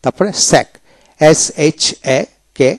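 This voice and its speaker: Man, pronunciation teacher, slightly high voice, spelling words letter by letter, repeating each twice. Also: dry recording. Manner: slow, drilling each word twice.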